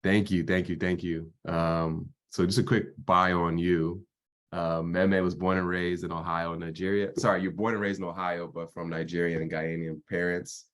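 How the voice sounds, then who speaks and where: A young man hosting a podcast, relaxed and slangy in conversation. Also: sits low, normal speed. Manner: laid-back, slangy. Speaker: podcast host. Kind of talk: casual interview chat.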